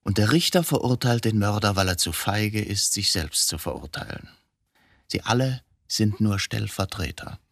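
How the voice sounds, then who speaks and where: In a radio drama, an actor voices a coolly provocative, philosophical man who has admitted to murdering his wife, and he speaks deliberately through probing rhetorical questions. His lowish voice is expressive with vocal fry, recorded without echo. He sounds cool and needling.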